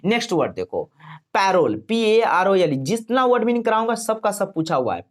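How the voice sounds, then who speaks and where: With a high, very animated voice and a slightly quick pace, a young man teaches exam-prep vocabulary. He relies on memory tricks and fields his own questions as he goes.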